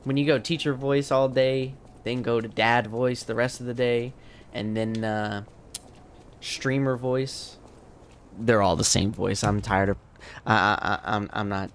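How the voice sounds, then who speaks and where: Tired and going hoarse, a man from the US who streams games and teaches languages chats with viewers late at night while he plays. His mid-range voice is steady and unhurried, his talk laid-back and wandering, with slight noise in the background.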